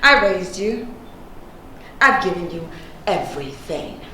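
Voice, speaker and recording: An actress plays a controlling church mother in her middle years, scolding and shouting. Her pitch rises and falls sharply. The voice rings in a very echoey room with a faint hiss under it. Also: animated, slow pace, distant mic, heavily acted. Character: controlling overbearing church first-lady mother. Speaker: pastor's wife and mother.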